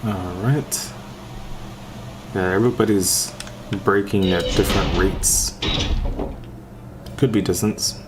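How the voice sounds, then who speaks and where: A man's voice: low voice, takes it slowly, long pauses, heavy background noise. A man giving laid-back commentary while playing a video game, thinking aloud. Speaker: gamer. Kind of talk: casual gameplay commentary. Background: game music.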